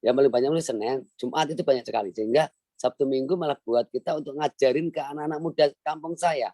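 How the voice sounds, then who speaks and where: A man's voice: medium pitch, fast talker, mellow, no echo. A middle-aged man giving an emphatic talk on a video call as a webinar guest speaker, often repeating his key phrases.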